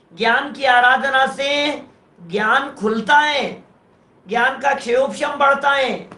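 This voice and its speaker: Preacher guy giving a sermon, bright voice, echoey hall, explains line by line, keeps asking rhetorical questions. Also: extremely high pitch. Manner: explains a verse phrase by phrase, asks rhetorical questions. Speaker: Jain preacher.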